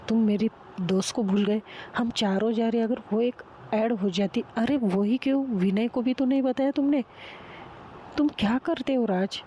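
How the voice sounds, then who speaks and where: A woman voicing a sharp-tongued young woman who scolds her friends quickly and sarcastically. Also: fairly high pitch, slight background noise, natural voice.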